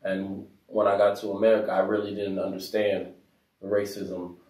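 A man from Africa telling a story in a casual discussion, soft-spoken with many fillers. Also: low voice, level tone, normal speed. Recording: roomy echo, mic at a distance.

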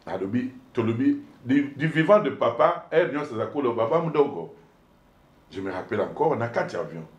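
A man's voice: medium pitch, normal speed, highs cut off. A Congolese man tells his story with energy, pushing hard on key words and switching languages from one phrase to the next. His voice sits in a middle register. The room around him is echoey. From Democratic Republic of the Congo. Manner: animated, emphatic, switches back and forth between two languages. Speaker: politician guest. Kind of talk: interview storytelling.

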